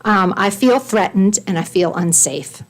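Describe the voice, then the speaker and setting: A woman's voice: medium pitch, measured pace. Earnest woman pleading at a county meeting. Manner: earnest, pleading, emphatic lists. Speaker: resident speaking at public comment. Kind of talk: reading a prepared public statement. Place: county board meeting room.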